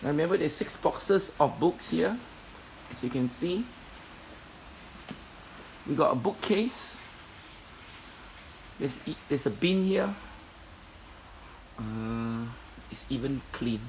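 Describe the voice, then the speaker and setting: Man, matter-of-fact seller, fry in the voice, faint background noise. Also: a little high, animated, slow pace, pauses often, a little mellow, rough recording. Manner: plain, matter-of-fact listing with many fillers. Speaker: storage unit seller. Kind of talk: walkthrough commentary. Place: indoor storage unit. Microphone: phone camera held in hand.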